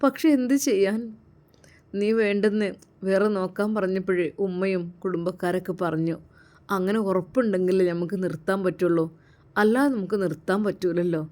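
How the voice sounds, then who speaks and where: A woman's voice: medium pitch, fairly even intonation, normal speed, darkish tone, lightly acted. A woman doing a tender, coaxing elder brother. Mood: sorrowful. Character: affectionate young man, caring elder brother.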